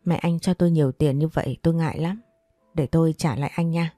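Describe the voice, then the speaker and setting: A woman's voice: sits low, steady tone, fast, dark tone, no echo, clean studio sound, soft background music, close to an everyday voice. A woman reading the lines of a shy, modest young bride in an audio story. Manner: shy, hesitant.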